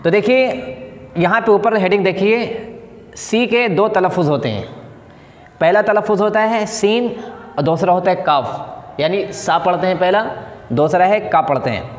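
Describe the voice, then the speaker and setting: एक पुरुष शिक्षक बोर्ड पर सबक समझाते हुए, धीरे-धीरे और हर मिसाल के शब्द को कई बार दोहराते हुए।. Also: male voice, high voice. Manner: slow, repeats example words several times. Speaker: English teacher. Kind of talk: classroom lesson at a board. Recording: echoey room with long reverb.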